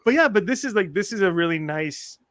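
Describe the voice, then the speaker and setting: A man in his forties with a notably high voice tells stories as a podcast guest, lively and self-mocking, slipping into little impressions of the people he quotes. The sound is dry and close, with no room around it. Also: a little fast, dry recording. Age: 40s. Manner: animated, self-mocking humor, acts out quotes. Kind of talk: casual storytelling chat.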